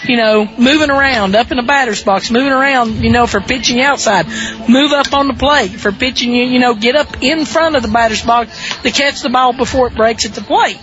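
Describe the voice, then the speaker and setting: A woman with a Southern American accent and a weak voice, giving folksy, conversational pregame softball commentary as a sports broadcaster. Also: a little high, a little fast, faint music behind. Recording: dull lo-fi radio broadcast sound.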